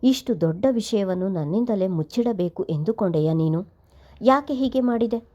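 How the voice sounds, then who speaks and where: A woman's voice: medium pitch, expressive, normal speed, warm tone, lo-fi sound, close to an everyday voice. Woman voicing a grieving, tearful mother. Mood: shocked. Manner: tearful, pleading. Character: grieving middle-aged mother of two grown sons. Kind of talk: storybook reading.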